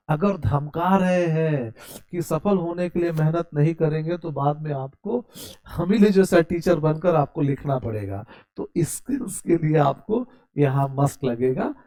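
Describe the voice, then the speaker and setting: In a mellow, slightly high voice, a man gives a spoken English grammar lesson, explaining step by step. He spells words out letter by letter, asks his students questions and answers them himself, and refers to the listener as "brother."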